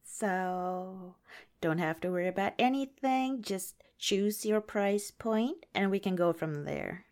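A woman's voice: mid-range voice, slow pace. A woman in an ASMR roleplay as a fawning makeup artist who calls the listener darling and honey, slipping at times into whispers. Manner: soft-spoken, slips into whispers.

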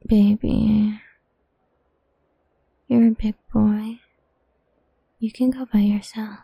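A young woman whispering softly and teasingly in an intimate audio roleplay, humming between lines, close to the mic. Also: medium pitch, level tone, slow, creaky, slightly rough, no room sound, highs cut off. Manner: soft teasing whisper, murmured hums.

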